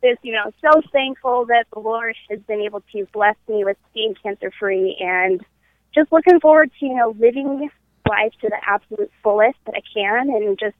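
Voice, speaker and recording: A woman in her twenties, with a fairly high voice and a moderate pace, joins a podcast as a guest from her parents' house. She's upbeat and candid in casual interview talk, and her voice comes through a tinny, dry conference call phone line.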